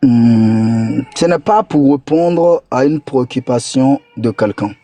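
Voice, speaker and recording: A man's voice: medium pitch, expressive, takes it slowly, warm tone, dry recording. A man in a religious debate who reads scripture aloud and insists on his point with pressing questions.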